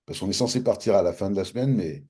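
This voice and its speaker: A low, husky voice from a Frenchman recounting his story in a relaxed interview. He talks with a mellow, dark tone and acts out both sides of old conversations as he goes. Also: fast talker. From France. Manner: animated, acts out both sides of past dialogues. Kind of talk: casual storytelling.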